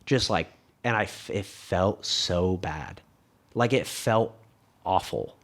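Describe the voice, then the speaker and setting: A man's voice: low-pitched, slow pace. Rambling young man with a slight lisp. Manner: rambling, frequent swearing and restarts. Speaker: podcast guest, YouTuber. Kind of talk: casual conversation.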